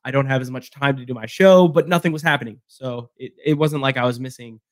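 A man co-hosting a casual sports podcast, talking in an animated way, repeating himself and laughing easily. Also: medium pitch, quick pace, dry recording, studio quality. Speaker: podcast co-host.

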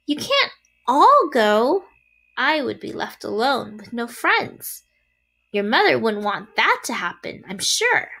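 An earnest young boy pig voiced by a woman in a storybook. He speaks politely and with open emotion, in a highish, very expressive voice that longs for friendship. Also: takes it slowly, vocal fry, full character voice, poor audio. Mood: worried. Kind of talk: storybook character voice.

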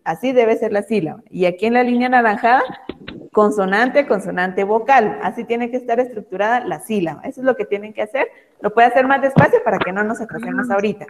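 A woman teaching a primary class of young children over a video call, patient and affectionate, reading words aloud slowly and with emphasis. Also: fairly high pitch, long reverb tail, background noise. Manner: affectionate toward pupils.

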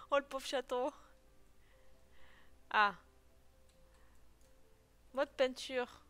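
This let's play gamer draws out her words in a high-sitting, sharp-toned voice. She chats and giggles casually over her game, exclaims often, and playfully meows from time to time.

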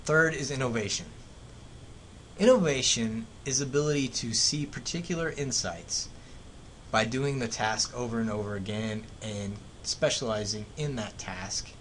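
A man's voice: normal speed, fairly bright tone, poor audio. A man with an American accent lecturing like a professor, explaining economics as a teacher with everyday examples. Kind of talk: classroom lecture narrated over slides. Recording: clear background noise, low rumble.

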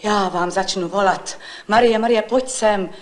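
A woman doing a busy housewife, fussy and indignant, quick chattering complaints, vintage storybook reading. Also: sits low, animated. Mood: chatty.

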